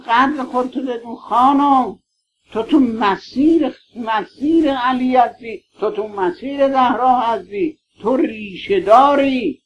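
A man's voice: extremely high pitch, a bit bright, slight background noise. A man preaching a mourning sermon, pleading with his listeners and calling them by affectionate names. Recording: dull lo-fi recording.

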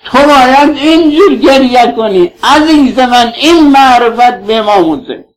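A man preaches a religious sermon in a fervent, declaiming manner. His voice sits notably high. He piles up rhetorical questions, swinging between loud appeals and quiet passages. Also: expressive, low-quality recording.

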